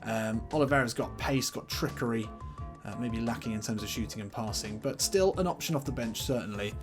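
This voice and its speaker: A man's voice: medium pitch, a little fast. A man who makes gaming videos, giving casual commentary on a football video game, chatty and thinking aloud about his team choices. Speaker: gaming YouTuber. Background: background music.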